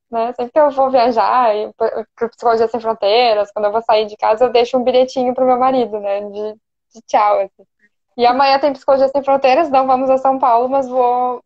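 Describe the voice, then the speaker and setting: A woman's voice: on the high side, muffled recording. A woman psychologist as a guest in an interview, chatting and explaining with everyday examples. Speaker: psychologist and couples therapist, guest. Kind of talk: conversational interview.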